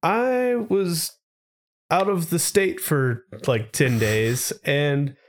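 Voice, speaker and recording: A man's voice: on the high side, very slow. A man co-hosting a casual tech podcast, sounding a little congested, informal and often asking questions. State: slightly congested from a cold-like illness. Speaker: podcast co-host.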